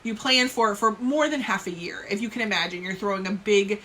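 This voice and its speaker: Jersey lady in her 30s rambling on a home live stream, bright voice, webcam mic. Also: medium pitch, brisk, slight background noise. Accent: New Jersey. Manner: chatty, rambling, self-deprecating. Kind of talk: casual live-stream chat.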